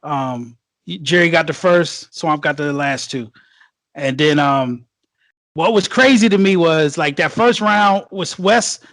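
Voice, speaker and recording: A man with a fairly high voice speaks into a dry, close sound. He breaks down a battle in casual chat, hesitant and halting, and stops often to search for words. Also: a bit bright, no echo. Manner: hesitant, lots of fillers and restarts.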